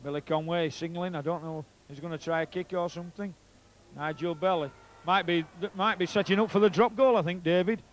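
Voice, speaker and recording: A man's voice: sits high, fairly even intonation, a little fast. A middle-aged man with a Yorkshire accent giving live rugby league match commentary. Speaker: co-commentator, former player. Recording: outdoor match noise behind commentary. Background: stadium ambience and crowd.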